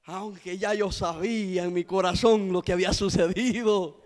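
A male pastor giving a fervent preaching testimony, rising into shouted, half-sung climaxes and acting out the people in his story. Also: sits high, fairly even intonation, normal speed.

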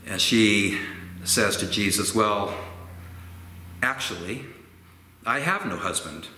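Slow, reflective older pastor in echoey church. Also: male voice, on the low side. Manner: slow, gentle and reflective, with expressive hand gestures. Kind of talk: sermon. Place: church sanctuary with organ pipes. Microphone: fixed camera at medium distance. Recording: roomy church echo, faint ambient noise.

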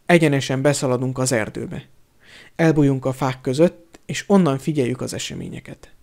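A man's voice: medium pitch, expressive, gravelly, a little mellow. A man doing a daring young schoolboy. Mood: decisive.

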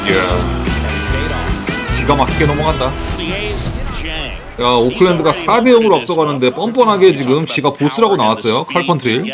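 A Korean man streaming a baseball video game, giving casual play-by-play commentary with sudden excited exclamations. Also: on the high side, normal speed, pauses often. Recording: game music playing behind.

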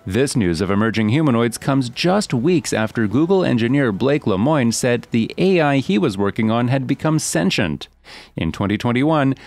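Lively male news narrator. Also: medium pitch, no room sound.

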